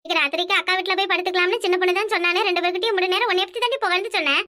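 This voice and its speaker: A woman with a Kanyakumari Tamil accent voicing village women in a family cartoon, with quick, bickering chatter. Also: very high voice, steady tone, sharp tone. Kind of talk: animated village cartoon dialogue.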